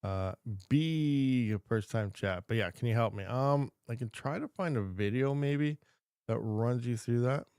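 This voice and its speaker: A man's voice: medium pitch, a little slow, a little mellow, smooth, no room sound, studio quality. A man hosting a casual livestream Q&A, rambling and reading chat questions aloud from a home desk. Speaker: crypto mining channel host.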